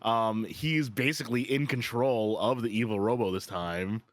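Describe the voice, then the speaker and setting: Podcast co-host, male, mid pitch, excitable and chatty, dry close recording. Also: moderate pace, no room sound. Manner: excitable, lots of filler and restarts. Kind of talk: casual episode recap chat.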